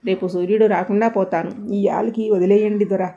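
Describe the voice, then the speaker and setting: A woman's voice: mid-range voice, fairly even intonation, moderate pace, dark tone, lo-fi sound, lightly acted. A woman voicing a timid young village husband who speaks in a pleading, deferential way.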